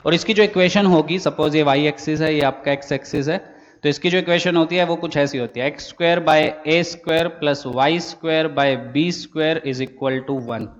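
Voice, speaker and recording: A physics teacher, his voice a little high for a man, lecturing in a room with a long trailing echo. The sound is somewhat dull and lo-fi. He works through each point step by step and answers his own questions. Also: brisk. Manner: explains step by step, asks and answers his own questions, says "theek hai" often. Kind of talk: classroom lecture.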